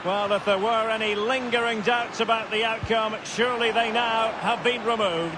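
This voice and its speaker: A man calling a football match as play-by-play commentator, building to excited shouts when goals go in. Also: high-pitched, moderate pace, background noise. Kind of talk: sports commentary.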